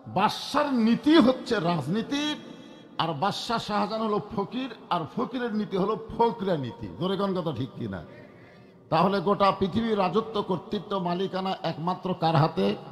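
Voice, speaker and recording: High-voiced preacher with booming reverb. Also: male voice. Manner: calls for crowd responses, chanting slogans; rises to loud drawn-out chanted peaks. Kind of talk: Islamic waz sermon to a crowd. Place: outdoor religious gathering.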